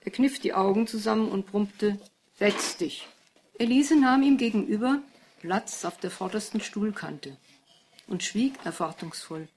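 A woman narrating a novel in calm, even scripted storytelling. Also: medium pitch, moderate pace, a little hiss or hum. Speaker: audiobook narrator.

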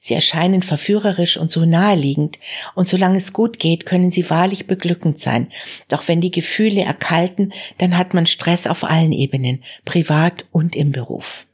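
A worldly old baron, as a woman reader puts him on, gives fatherly warnings in a low, husky voice. He sounds calm and measured in this audiobook reading. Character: older male baron, a wise worldly mentor.

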